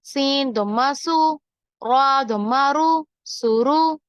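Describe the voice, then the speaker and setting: A woman teaching Quran reading, spelling out letters and syllables in a slow, deliberate drill. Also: high voice, dry recording.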